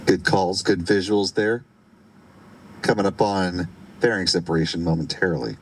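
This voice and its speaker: A deep-voiced man gives live technical commentary. He explains events in a measured way, with faint noise behind him. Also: poor audio. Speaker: launch webcast commentator.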